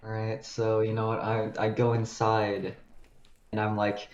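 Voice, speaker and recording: A man's voice: on the low side, completely flat delivery, measured pace, echoey room, muffled recording, slight background noise. A young man playing a tabletop game, talking casually and joking with slang. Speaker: player.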